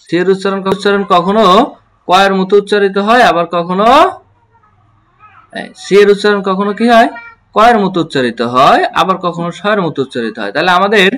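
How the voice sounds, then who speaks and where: High-voiced man spelling words out slowly. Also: fairly bright tone. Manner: slow, spells words letter by letter and repeats them; asks students questions and answers them himself. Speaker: English pronunciation teacher. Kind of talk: online phonics lesson.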